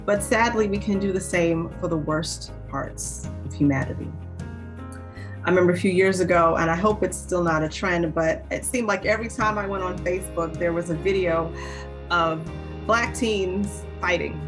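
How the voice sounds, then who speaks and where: A woman's voice: fairly low pitch, moderate pace, over music. A woman pastor in her forties preaching a sermon to a webcam from a small room, earnest and conversational, asking her listeners questions. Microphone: webcam on a video call.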